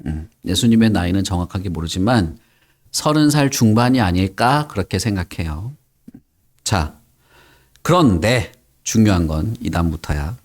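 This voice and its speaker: A pastor with a fairly low male voice tells a Bible story to children. He talks in a lively, engaging way and keeps turning questions back to his young listeners. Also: normal speed. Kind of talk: children's sermon.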